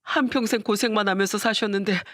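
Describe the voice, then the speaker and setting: An exasperated grown son, voiced by a woman narrator in a story radio drama. He speaks with a raised, scolding edge, slightly lower than the narrator's own voice. The sound is dry and close. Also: steady tone, fast, no echo, close to an everyday voice. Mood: tearful encouraging. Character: indignant adult son, a husband.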